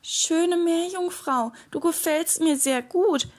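A woman voicing a small, brave boy pirate in a children's storybook reading, raising her voice for him and speaking slowly. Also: very high-pitched, voice pushed up. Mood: wistful.

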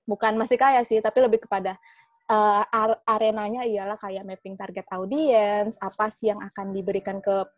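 A woman's voice: mid-range voice, flat delivery, normal speed, no echo, poor audio. A young woman chatting casually in a podcast, rambling with fillers and restarts, often laughing. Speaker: guest.

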